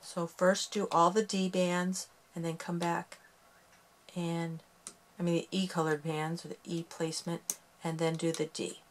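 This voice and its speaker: A woman's voice: on the low side, little pitch movement, measured pace, a little hiss or hum. A woman hosting a casual craft tutorial, chatty and self-deprecating as she talks through each step while working with her hands.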